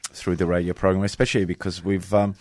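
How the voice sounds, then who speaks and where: A man co-hosting a community radio show, his voice husky from a winter cold, talking hesitantly with many fillers. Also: low-pitched, little pitch movement, quick pace, a little mellow. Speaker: radio co-host. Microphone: studio microphone.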